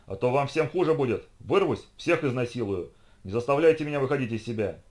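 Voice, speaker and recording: A man voicing a brutish male robot who shouts and threatens. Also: mid-range voice, big pitch swings, brisk, natural voice. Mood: furious. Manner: rough, yelling threats.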